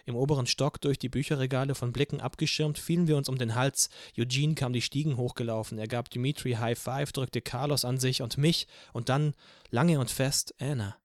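A man narrating a novel in the first person as an audiobook, in a steady storytelling manner. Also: mid-range voice, brisk, no room sound, clean studio sound. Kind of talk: scripted narration.

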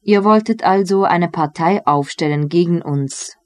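A cruel medieval nobleman mocks and commands his prisoners, as a reader puts him on. The delivery is slow and deliberate. The sound is dry and close. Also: mid-range voice, no room sound, natural voice. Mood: accusing. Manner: scornful, commanding. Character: ruthless mocking medieval male lord.

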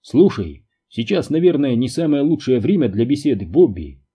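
A rude, mocking, stout red-bearded man past middle age, put on by a male reader, sneers through a husky, dark voice. His lines swing up and down in pitch. The audiobook recording is dull and lo-fi. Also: very animated, moderate pace, heavily acted. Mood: gruff, calmer.

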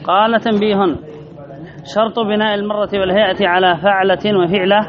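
Male grammar teacher, higher voice, reads and explains, repeats himself; dull recording, audience noise behind. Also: level tone, brisk, a crowd in the background. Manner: reads a line then explains, repeats phrases and asks questions. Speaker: sheikh teaching Arabic grammar. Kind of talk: classroom lesson explaining a text.

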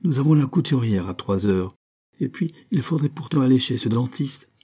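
A man's voice: mid-range voice, lively intonation, normal speed, dark tone, breathy edge, pitched above the performer's own voice. A man voicing a cold, haughty middle-aged mother in an audiobook, curt, dry and commanding. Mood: peevish. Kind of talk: audiobook character reading.

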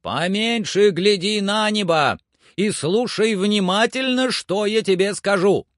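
A high, shrill man shouts orders in a frantic rush, as a male narrator puts him on. His pitch jumps far above the reader's own, and every line comes out loud and strained. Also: no room sound, studio quality. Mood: commanding. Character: agitated excitable man shouting up from below.

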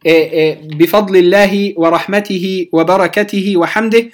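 A woman teaching a Quran recitation lesson, speaking deliberately and repeating letter sounds slowly to demonstrate them to her students. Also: fairly low pitch, steady tone. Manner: addresses students directly, checks understanding. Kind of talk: tajweed lesson explaining a poem.

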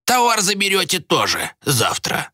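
A man voicing a cold, greedy male trader who speaks in slow, clipped, cynical lines in an audiobook. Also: sits high, wildly swooping pitch, sharp tone, no echo, clean studio sound, voice pushed up, heavily acted.

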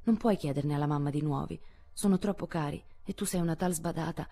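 A woman's voice: deep voice, a little fast, gravelly, warm tone. A woman reading an audiobook, voicing a fussy, proper sixteen-year-old girl who frets about appearances. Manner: anxious, insistent about appearances.

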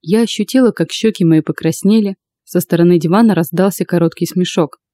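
A woman narrating first-person fiction for an audiobook in a calm, even storytelling voice. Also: lowish voice, fairly quick, dry recording.

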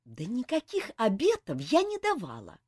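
A woman's voice: a little high, huge pitch swings, normal speed, darkish tone, husky, no echo, studio quality, pitched above the performer's own voice, full character voice. A woman reading an audiobook, voicing a blunt, offhand young woman.

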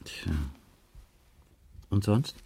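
A man draws out his words in a mellow voice while playing a patient, dry investigator in a 1980s German radio crime drama. He muses along the way and asks terse, probing questions.

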